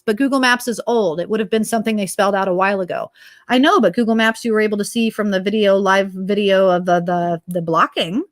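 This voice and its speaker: A woman's voice: medium pitch, dry recording, clean studio sound. A woman from Minnesota hosting a solo political commentary show, talking casually and sarcastically, rambling, and dropping into whispered asides.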